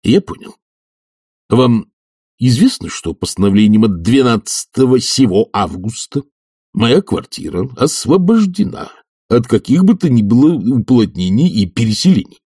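A man's voice: mid-range voice, sing-song, moderate pace, mellow, husky, no room sound, studio quality, voice pushed up. A man voicing an imperious older male professor who speaks in a stern, lecturing, cutting way.

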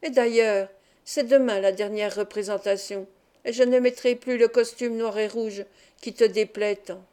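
Eager young actor in love, dreamy; a woman reads him in her own voice. Audiobook, mellow tone. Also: fairly high pitch, fairly even intonation, normal speed, smooth, close to an everyday voice. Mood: ardent. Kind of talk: audiobook reading.

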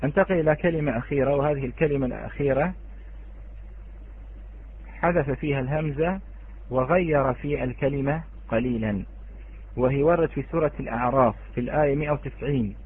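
A man teaching Quranic readings in an online lesson, speaking slowly, repeating key words and addressing his students directly. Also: mid-range voice, husky. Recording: tinny phone-like online call.

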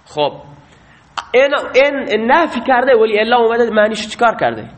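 A man's voice: very high-pitched, sing-song. A man teaching a grammar lesson, asking questions and answering them himself.

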